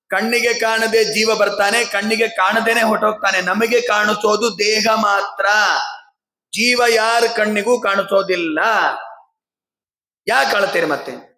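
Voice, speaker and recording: Man, devotional discourse, slow measured chanting, high bright voice. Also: steady tone, roomy sound, low-quality recording. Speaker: Bhagavata discourse speaker. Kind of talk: devotional discourse with chanted verses and sung hymns.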